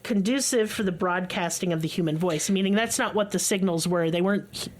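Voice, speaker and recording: A woman hosting a podcast, telling a story in casual chat, blunt and excitable, with swearing. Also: lowish voice, a little fast, slight background noise. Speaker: podcast co-host.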